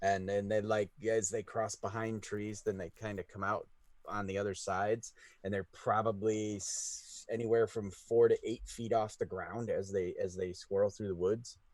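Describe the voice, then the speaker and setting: A man's voice: on the low side, little pitch movement, normal speed, a little mellow, dry recording. A man improvising narration as the game master of a tabletop game.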